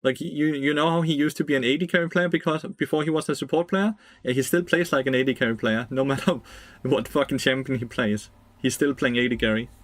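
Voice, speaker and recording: A man's voice: mid-range voice, fast, dry recording, studio quality. A young man streaming a game, giving blunt, profane commentary, laughing and answering chat. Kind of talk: casual gameplay commentary.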